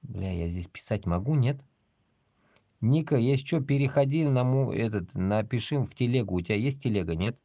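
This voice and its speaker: The lo-fi, dull audio carries a medium-pitched, mellow male voice speaking at a normal pace and sounding animated. He is a Bashkortostan livestream host who chats casually, reads out the news, and stays blunt while swearing heavily.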